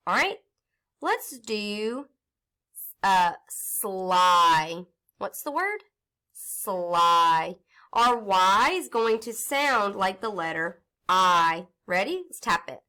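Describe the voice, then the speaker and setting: A woman's voice: medium pitch, sing-song, takes it slowly, sharp tone. A woman teaching a recorded phonics lesson to young children, patiently sounding out letters step by step and reading a storybook aloud in an encouraging way.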